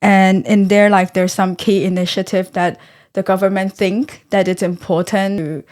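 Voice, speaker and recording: An earnest young woman from Taiwan appears as a guest researcher in a conversational interview. Thoughtful and sincere, she pauses to find her words, speaking at medium pitch in a level, darkish tone.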